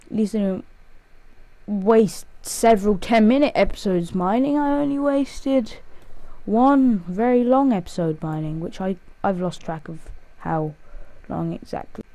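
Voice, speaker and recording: A male gaming host with a high-pitched, mellow voice gives casual, wandering commentary on his gameplay, counting aloud and teasing himself along the way.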